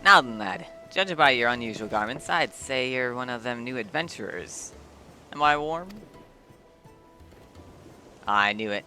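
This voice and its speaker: A man voicing a talkative old male ship merchant, gruff and rambling. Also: mid-range voice, expressive, a little slow, pauses often, bright, forceful tone, soft background music. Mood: curious. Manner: gruff and rambling, drops dialect words.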